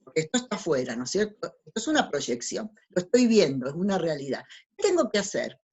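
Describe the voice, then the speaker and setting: A woman delivers a spiritual lecture with slides, pitched somewhat low. She teaches step by step, posing rhetorical questions and answering them herself. She often checks in with her listeners through short tag questions. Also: big pitch swings, fast talker, darkish tone, breathy edge.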